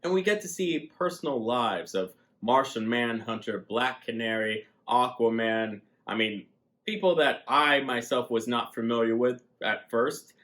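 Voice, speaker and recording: A man's voice: medium pitch, a little slow, fairly bright tone. Gushing man reviewing comic books. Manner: enthusiastic, gushing, says "like" often. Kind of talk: casual review vlog.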